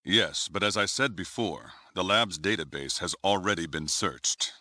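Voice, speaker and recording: A man playing a grave, formal starship commodore in a video game, speaking with measured authority. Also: deep voice, animated, bright, forceful tone, dry recording, heavily acted. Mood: grave, skeptical. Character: stern, grave male starship commodore, middle-aged or older. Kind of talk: dramatic video game voice acting.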